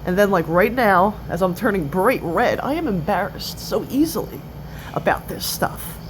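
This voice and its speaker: Recorded on a cell phone with plenty of noise, a woman of twenty-eight shares her experience of stuttering in a personal, confessional video. Her medium-pitched voice is expressive, her phrases halting and fragmented, with a stutter now and then.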